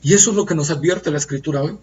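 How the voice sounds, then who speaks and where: A man preaching a Bible study sermon, earnest and emphatic, slowing down to stress key phrases. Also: fairly high pitch, darkish tone, distant mic, dull audio.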